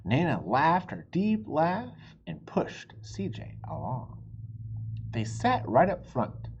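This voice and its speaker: Male picture-book reader, slow and animated, expressive with dramatic pauses; slightly muffled, noisy home recording. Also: on the high side. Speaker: storybook reader. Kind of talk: expressive children's picture-book read-aloud.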